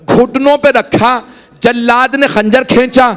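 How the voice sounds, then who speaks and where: High-voiced impassioned Pakistani Urdu preacher. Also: male voice, steady tone, measured pace, fairly bright tone, long reverb tail. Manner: urges the congregation directly, swells to cries at climaxes. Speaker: Shia cleric leading a Muharram majlis. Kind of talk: impassioned mourning sermon.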